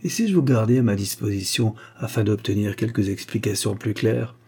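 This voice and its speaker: A man's voice: fairly low pitch, fairly quick, darkish tone, breathy edge. A man voicing a stern, sceptical prefecture secretary who speaks ironically and irritably. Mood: irritated. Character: stern, sceptical older male prefecture official.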